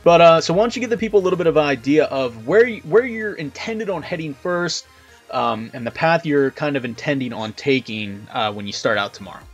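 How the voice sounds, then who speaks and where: Guy with a slightly high voice hosting a chatty channel interview, rambles and swears a bit, music around. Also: lively intonation, brisk, breathy edge. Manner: informal, wordy, casually sweary. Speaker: host of a video channel. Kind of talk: casual, conversational interview.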